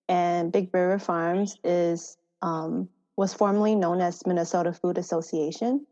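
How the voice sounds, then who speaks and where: Speaking in a muffled recording, this podcast guest has a lowish, warm voice and an American accent. She is a farmer education manager from Thailand and the United States, and the conversational interview stays casual and chatty.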